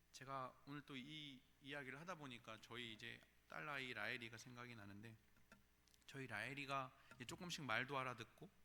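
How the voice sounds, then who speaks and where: A bright, ringing man's voice with a fairly high pitch, preaching earnestly in a church. He surges loud on key phrases and falls to a hush between them. A long hall reverb trails every word. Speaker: pastor. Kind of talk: sermon. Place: church sanctuary.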